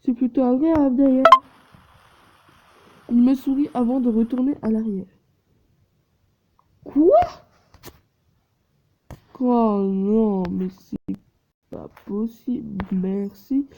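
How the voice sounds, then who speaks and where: A woman with a fairly high voice reads a dating game's dialogue aloud at a slow, unhurried pace. She stumbles, restarts and drops in her own asides between lines. The recording is noisy, with clicks in the background. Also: narrow, tinny audio. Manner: slow, halting reading with self-corrections. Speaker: player reading a dating game aloud. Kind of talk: reading visual novel dialogue aloud with asides.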